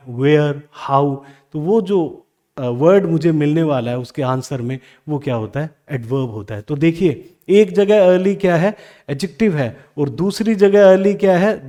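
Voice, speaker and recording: A man teaching English grammar in Hindi, asking questions and answering them himself, reading example sentences slowly with an Indian English accent. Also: a little high, dark tone. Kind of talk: classroom grammar lesson.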